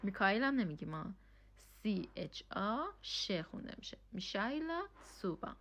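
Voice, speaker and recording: With a lowish, expressive, gravelly voice, this woman teaches German casually, her first language being Persian. She breaks down every phrase one step at a time, pausing to ask "okay?"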